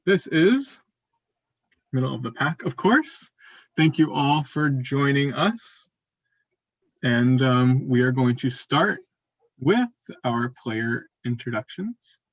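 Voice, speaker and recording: A man's voice: medium pitch, expressive, slow, long pauses, no echo. A man hosting a live online social strategy game over a video call, upbeat and full of fillers. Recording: dull lo-fi call audio.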